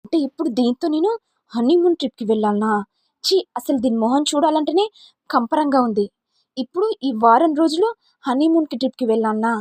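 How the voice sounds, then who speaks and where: A woman's voice: sits high, expressive, fairly quick, darkish tone, no echo. A woman doing a scornful angry young husband. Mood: disgusted. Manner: harsh, mocking rebukes.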